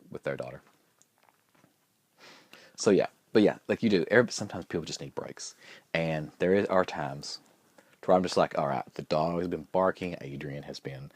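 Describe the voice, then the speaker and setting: A man's voice: low voice, slightly rough, dry recording. A man vlogging in a chatty, good-humored way, telling a story with lots of restarts and fillers. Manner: rambling, with frequent restarts and fillers. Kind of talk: casual storytelling vlog.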